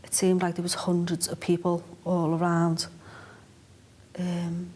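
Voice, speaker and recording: Flat, quiet mother. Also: on the low side. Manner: quiet, halting, disbelieving. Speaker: interviewee, mother. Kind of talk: documentary interview recollection. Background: soft music score.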